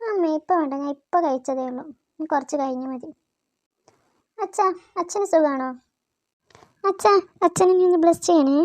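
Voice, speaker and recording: Woman voicing a bossy cartoon big sister, very high and sharp, dry close sound. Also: moderate pace, long pauses, no room sound, lightly acted. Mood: pleading. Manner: bossy, scolding. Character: bossy young woman, visiting older sister. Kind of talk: cartoon voice acting.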